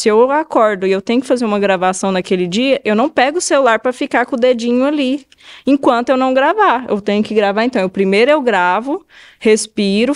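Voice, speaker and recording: Brazilian hairdresser lady, fairly high voice, chatty advice on a podcast, acts out her clients' lines. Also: clear, resonant tone. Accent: Brazilian Portuguese. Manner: animated, acts out clients' remarks in quoted voices. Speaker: guest, hairdresser and updo stylist. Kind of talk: casual advice-giving interview talk.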